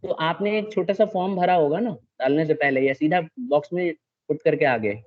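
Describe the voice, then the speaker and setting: Patient male teacher, slightly high voice. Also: moderate pace, lo-fi sound. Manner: patient, checks understanding often, mixes in English terms. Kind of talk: classroom lecture.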